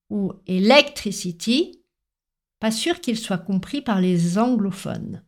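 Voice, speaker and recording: Slow, deliberate French teacher woman. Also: mid-range voice, a little mellow. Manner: slow, deliberate, clearly articulated. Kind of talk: scripted lesson narration.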